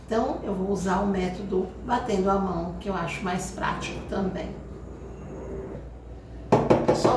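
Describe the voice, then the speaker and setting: In her home kitchen, a cooking channel host with a medium-pitched voice and Brazilian Portuguese accent walks viewers through a recipe step by step, chatting and checking in with them regularly. The recording sounds distant and echoey, and the background is noisy.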